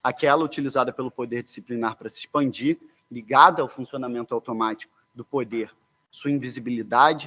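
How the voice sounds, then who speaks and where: A man with a Brazilian accent gives an academic conference presentation. His voice is of average pitch, and he speaks in a formal, scholarly style. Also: a bit bright. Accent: Brazilian Portuguese.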